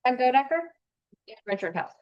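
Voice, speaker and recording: A woman's voice: high-pitched, lively intonation, a little fast, lo-fi sound. A woman serving as town clerk-treasurer, calling roll and reporting finances in a careful, hesitant way with many ums. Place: town council meeting room.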